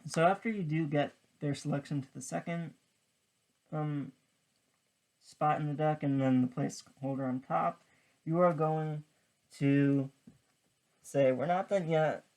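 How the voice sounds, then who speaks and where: Slow-paced, halting card trick tutorial presenter. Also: medium pitch, fairly even intonation, a little mellow, low-quality recording. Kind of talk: casual step-by-step magic tutorial patter.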